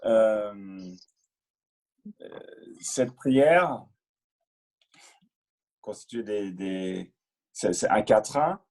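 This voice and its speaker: A man patiently explaining a Buddhist prayer as interpreter and teacher, in a halting way with many fillers and repeated words. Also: on the low side, animated, darkish tone.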